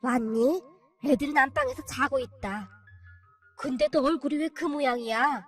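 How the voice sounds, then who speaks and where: A woman voicing a worried older mother-in-law who speaks softly and with concern, over faint music. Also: high-pitched, normal speed, voice pushed down.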